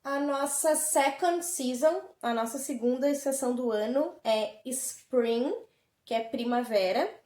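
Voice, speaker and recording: A woman with a Brazilian Portuguese accent, teaching an English lesson remotely and explaining words slowly and clearly to children. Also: on the high side, a little mellow, reverberant.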